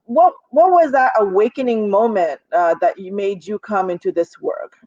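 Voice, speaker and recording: A woman's voice: medium pitch, moderate pace, dark tone, no room sound. A woman moderating a panel, upbeat and chatty, joking at her own expense as she leads into questions. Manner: upbeat and chatty, jokes at herself. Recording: dull, dry sound.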